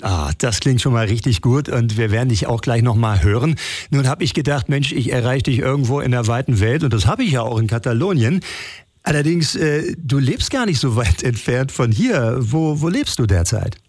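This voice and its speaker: A man's voice: mid-range voice, expressive, moderate pace, darkish tone, no echo. A man hosting a radio interview, asking friendly questions. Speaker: radio host.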